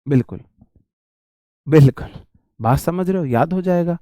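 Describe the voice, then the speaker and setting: Speaking at a normal pace in a mellow, somewhat high voice, this Indian teacher chats casually through English idioms in what is a relaxed Hindi vocabulary lesson. He calls his students "bhai" and "ji" and says things more than once, and the audio is clean studio sound with no room echo.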